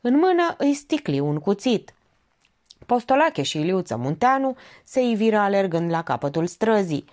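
A woman reading a novel aloud as audiobook narration, telling it expressively. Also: medium pitch. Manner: expressive, even storytelling. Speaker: audiobook reader.

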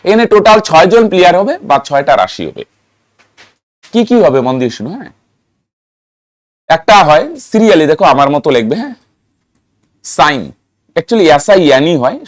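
A man's voice: fairly high pitch, no echo, clean studio sound. A man teaching a math lesson, asking students questions, answering them himself and chanting terms to help memory. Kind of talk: classroom-style lesson to students.

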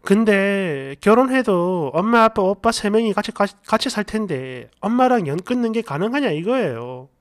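A man narrating a first-person story in a dramatic, expressive way. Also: high-pitched, normal speed, few pauses.

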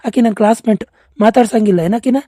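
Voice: medium pitch, steady tone, warm tone, no room sound, studio quality, close to an everyday voice. A performer voicing a young male student who complains to his mother about being beaten, in a North Karnataka Kannada accent. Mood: aggrieved. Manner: complaining, rapid.

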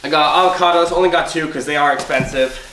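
A man's voice: on the high side, fairly even intonation, quick pace. Congested young man vlogging casually. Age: young adult. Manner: chatty, upbeat, explains item by item. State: congested, sick. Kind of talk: casual grocery haul vlog. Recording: roomy, distant, noisy home recording.

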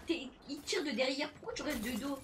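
Teasing woman, high voice, far off. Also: a little fast. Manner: teasing, playful, laughs often. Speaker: co-streamer. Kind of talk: casual live-stream banter. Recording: distant mic with background noise.

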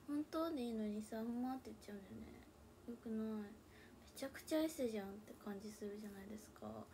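A woman's voice: on the high side, fast talker, warm tone, slight background noise. Chatty young woman with Hakata-Kansai mix. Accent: Hakata dialect mixed with Kansai. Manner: chatty, drifts into murmured asides to herself. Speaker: idol livestreamer. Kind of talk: casual livestream chat. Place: room at home. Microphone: tablet or phone device.

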